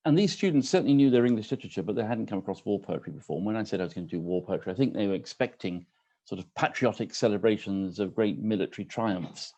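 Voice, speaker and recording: Man, 60s, low voice, mellow tone, hesitant casual host, video call from home kitchen. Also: lively intonation, quick pace, highs cut off. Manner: hesitant, many ums and restarts. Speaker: host of online poetry reading. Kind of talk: casual welcoming remarks. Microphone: computer on a video call.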